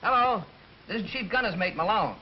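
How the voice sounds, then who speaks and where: Brash, argumentative sailor, high tenor voice, dull old film soundtrack with hiss. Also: male voice, expressive, a little fast. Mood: pleading. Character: brash navy sailor man, quarrelsome. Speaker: navy chief gunner's mate. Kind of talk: 1940s film acting.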